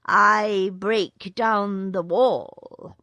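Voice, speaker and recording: A woman voicing Kaa, a great male python who speaks slowly and slyly. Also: mid-range voice, fairly even intonation, bright, forceful tone, no room sound, heavily acted. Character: great old male python, slow and sly.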